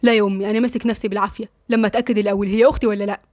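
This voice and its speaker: A woman's voice: medium pitch, steady tone, rapid-fire, a little mellow, no room sound, clean studio sound, close to an everyday voice. A woman with an Egyptian accent voicing a proud, angry young man, in a tense, clipped way. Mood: pleading.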